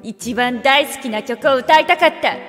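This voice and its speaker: A woman's voice: sits high, normal speed, a bit bright. A woman hosting a karaoke livestream and chatting casually, using an archaic regal way of talking and playfully greeting viewers one by one. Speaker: virtual streamer hosting a karaoke stream. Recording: reverb-heavy with music playing behind.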